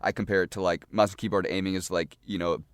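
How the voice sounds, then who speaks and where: A man with a lowish voice walks through game tactics in a loose, chatty way, repeating phrases and thinking aloud as he plays. The sound is dry and close, with no room echo. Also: level tone, fast talker, smooth. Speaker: gaming guide creator. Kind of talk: casual gameplay tutorial.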